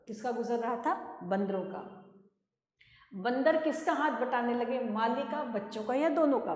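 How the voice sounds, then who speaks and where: A woman teacher speaks in a slightly high voice, stretching each sound as she drills pronunciation. She talks very slowly and deliberately. Her voice rings in an echoey room with a long reverb tail. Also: a little mellow. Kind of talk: classroom lesson explanation.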